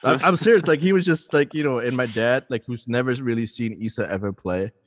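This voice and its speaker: A man co-hosting a casual podcast, an animated storyteller who rambles and restarts his sentences. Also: mid-range voice, a little fast, in a large hall, a little hiss or hum. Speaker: podcast co-host.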